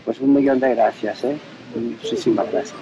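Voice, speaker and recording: A man's voice: medium pitch, normal speed, a crowd in the background. A man from Spain conducting a street interview outdoors, asking leading questions and explaining his points at length. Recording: dull audio with faint street noise.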